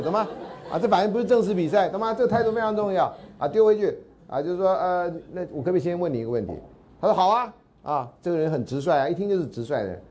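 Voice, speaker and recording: Mellow-voiced Taiwanese Mandarin lecturer, man. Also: fairly high pitch. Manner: chatty, keeps asking listeners "right?"; acts out dialogue from his anecdotes. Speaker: university lecturer. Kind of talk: storytelling lecture.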